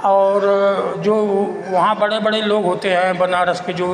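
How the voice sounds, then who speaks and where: A man giving an informal, halting and repetitive spoken account as a local citizen. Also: high voice, little pitch movement. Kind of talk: informal spoken monologue of complaint and appeal. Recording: echoey reverberant room with faint noise.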